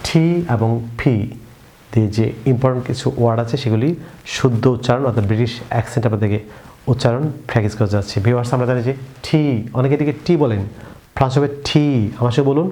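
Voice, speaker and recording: A man's voice: mid-range voice, fairly even intonation, fast talker, mellow. A man with a Bengali accent teaching English pronunciation, drilling words one by one and having viewers repeat after him, over faint background noise. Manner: addresses viewers again and again. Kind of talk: YouTube language lesson.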